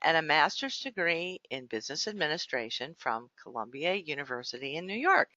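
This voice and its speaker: A woman's voice: low-pitched, sing-song, brisk, sharp tone, dry recording, lo-fi sound. A woman hosting an interview podcast, speaking articulately and addressing her guest and listeners in a formal way. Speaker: podcast host. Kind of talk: scripted podcast introduction and interview.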